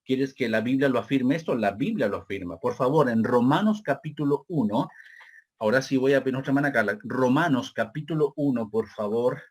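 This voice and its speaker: A man with a Peruvian Spanish accent preaching a sermon, repeating phrases and calling listeners brother, slowing down for key points. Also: medium pitch. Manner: slows down deliberately for key points.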